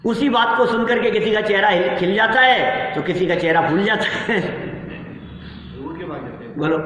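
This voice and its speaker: A man's voice: sits high, a bit bright, slight background noise. A man giving a religious sermon who keeps putting rhetorical questions to his listeners. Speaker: Jain preacher. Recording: echoey hall, dull sound.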